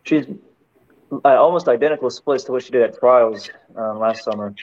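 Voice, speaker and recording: A man's voice: mid-range voice, normal speed, a little mellow, highs cut off. A man in his mid-twenties from Texas, a college coach, chatting easily as a caller on a phone video call. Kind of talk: casual chat.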